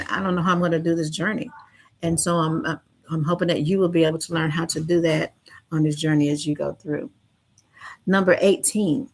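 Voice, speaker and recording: A woman with a deep-set, low voice talks straight to her listeners as a livestream host. Her manner is earnest and gentle, offering reassurance the way a counselor would. The delivery is unscripted and heartfelt. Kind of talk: heartfelt livestream talk to camera.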